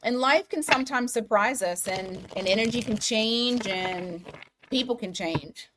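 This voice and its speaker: A woman's voice: fairly high pitch, a little slow, noisy background. A woman giving live tarot readings, talking casually to viewers, laughing often and circling back on her words. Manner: chatty, laughs often, restarts and fillers. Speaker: tarot reader.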